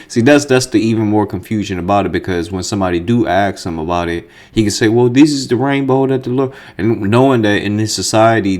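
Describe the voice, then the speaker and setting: A man hosting a reaction video, talking in a casual, slangy way and swearing freely. His voice sits a bit low. He sounds animated and openly incredulous.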